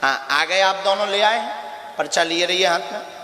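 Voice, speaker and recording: A man's voice: high-pitched, moderate pace, bright, forceful tone. A man leading a religious gathering from a stage, speaking in a commanding, scolding way and mixing in English phrases. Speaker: religious leader holding a public court. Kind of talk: addressing a crowd from a stage. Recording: echoey hall with faint ambience.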